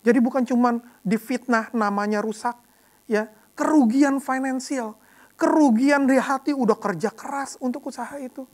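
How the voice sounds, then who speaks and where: A woman deacon preaching a sermon in a conversational way, often adding "ya" and repeating words for emphasis, moving between soft low passages and loud emphatic ones. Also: moderate pace.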